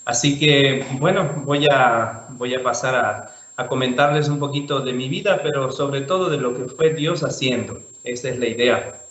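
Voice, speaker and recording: A man, a priest giving an online talk with slides, relaxed and thinking aloud with fillers and restarts. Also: medium pitch, moderate pace. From Chile. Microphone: video call. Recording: roomy, dull video call audio.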